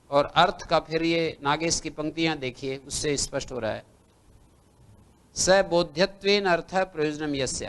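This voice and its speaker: A man teaching Sanskrit grammar in a classroom lecture. He recites lines from old texts and then explains them slowly, one step at a time. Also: a little high, a bit bright, clear, resonant tone. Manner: slow, recites text then explains, lists letters one by one.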